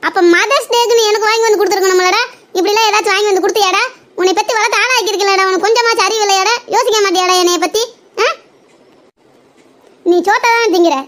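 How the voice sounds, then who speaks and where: In a comedy skit, a performer plays an older mother-in-law who scolds everyone around her, furiously rattling off complaints at speed. Her sharp, piercing voice stays high and shrill throughout, with fairly even intonation.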